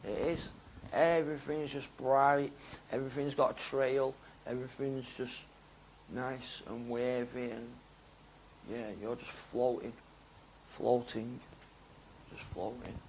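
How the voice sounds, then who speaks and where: Gravelly slangy man. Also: slow pace, slight background noise, poor audio. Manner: slangy, rambling, drifts between loud excitement and low mumbling. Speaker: interview guest. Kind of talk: candid interview talk.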